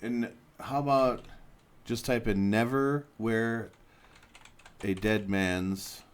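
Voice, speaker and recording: A man's voice: fairly low pitch, takes it slowly, clear, resonant tone. A man co-hosting a casual podcast chat, laughing often, swearing, and explaining things to his friend. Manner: giggly, profane, explaining things. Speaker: podcast co-host.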